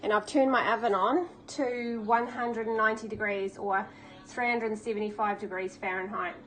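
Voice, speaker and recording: A woman's voice: mid-range voice, steady tone, normal speed, fairly bright tone, faint music behind, low-quality recording. A woman, hosting a baking channel and talking through a recipe step by step in a chatty, upbeat way in her home kitchen. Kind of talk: casual cooking demonstration.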